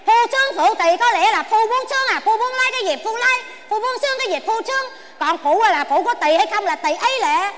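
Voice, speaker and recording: A shrill, very high-pitched old wife, played by a woman with a Southern Vietnamese accent, bickering in a stage comedy sketch. She whines fast and never gives an inch. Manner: shrill, whiny and quick-tongued. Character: bickering stubborn elderly wife.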